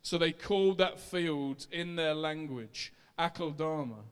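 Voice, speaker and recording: A man's voice: on the high side, measured pace, smooth. A man of about forty with a Leicester accent, a pastor preaching and reading scripture to his congregation. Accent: Leicester, English East Midlands. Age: 40, about to turn 41. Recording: long hall reverb.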